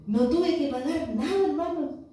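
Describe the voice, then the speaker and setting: A woman's voice: sits high, normal speed, mellow, a little hiss or hum. A woman giving a church testimony, telling her story and acting out the dialogue with rhetorical questions. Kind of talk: sermon testimony. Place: church hall. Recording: echoey church hall, voice from far off.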